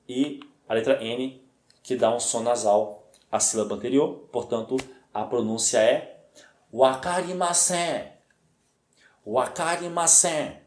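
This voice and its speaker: A man's voice: mid-range voice, a little mellow. A patient male teacher with a Brazilian Portuguese accent, speaking in a plain mid-range voice. He repeats himself, checks in with the listener, and draws out each new word. The recording sounds roomy and echoey. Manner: slows down and stresses Japanese words. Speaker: language teacher. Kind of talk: spoken lesson.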